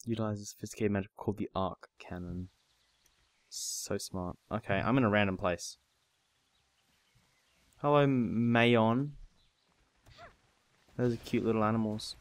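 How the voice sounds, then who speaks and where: A man with a fairly low voice carries casual gaming commentary. He swears freely, laughs often and reads the game's text aloud to his friend. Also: steady tone, fairly quick, dry recording. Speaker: gamer host.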